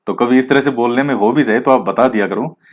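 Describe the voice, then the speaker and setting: A man gives an exam-prep lecture, explaining points and then quizzing with questions he answers himself. He mixes in English words and admits his pronunciation is rustic. His voice is medium-pitched and a little fast.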